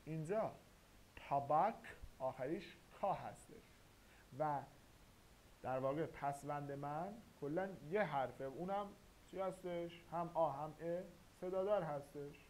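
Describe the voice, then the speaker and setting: Man, language teacher, careful spelled-out explanations, raised pitch, light background hiss. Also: darkish tone, low-quality recording. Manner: slow, deliberate, spells out sounds one by one. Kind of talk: grammar lesson. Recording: faint hiss.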